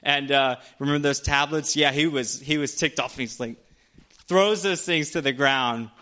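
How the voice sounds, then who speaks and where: Young male preacher, casual sermon, clear resonant tone, playful storyteller. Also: medium pitch, normal speed, pushed and bright.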